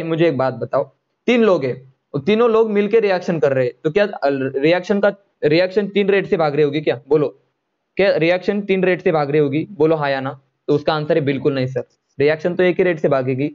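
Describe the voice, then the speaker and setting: A man teaching a chemistry lecture online in speech, coaxing students to answer and drawing out formula terms slowly. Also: fairly high pitch, lo-fi sound.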